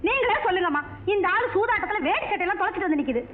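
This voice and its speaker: A woman's voice: extremely high pitch, animated, racing. An actress playing a fed-up working-class wife in a film comedy, scolding her husband in exasperation. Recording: tinny lo-fi film audio with faint hiss.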